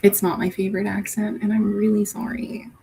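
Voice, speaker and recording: A woman's voice: medium pitch, flat delivery, brisk, gravelly, warm tone, faint music behind, poor audio. A woman hosting a casual livestream. She talks in a chatty, giggly, rambling way, often restarting her sentences. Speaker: livestream host.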